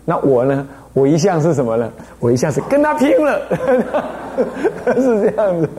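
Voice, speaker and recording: A man with a Taiwanese Mandarin accent gives a lively Buddhist dharma lecture as an abbot. He tells stories and keeps asking the listeners rhetorical questions. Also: on the high side, fast talker, slight background noise. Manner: animated storytelling, frequent rhetorical questions.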